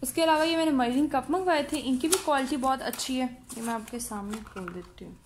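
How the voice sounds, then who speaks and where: A woman with a slightly high voice chats casually through an unboxing review of baking gear, and she pauses often as she shows each item. She sits at home with a phone filming from above. Faint background hiss is under her voice. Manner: chatty, frequent hesitations, shows items one by one. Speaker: cooking channel host. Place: indoors at home, seated over a box.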